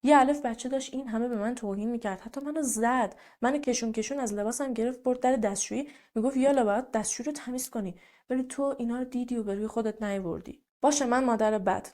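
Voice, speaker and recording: Lady doing a mad bossy wife yelling orders, kinda high voice. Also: natural voice. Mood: bitter. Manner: shouting, bossy commands. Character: furious scolding wife, middle-aged woman.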